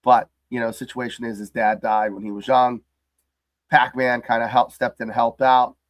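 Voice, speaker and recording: A man hosting a casual live sports chat show, his voice hoarse and crackly from the flu, talking in a rambling, jokey way. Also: medium pitch, little pitch movement, normal speed, no echo. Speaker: host.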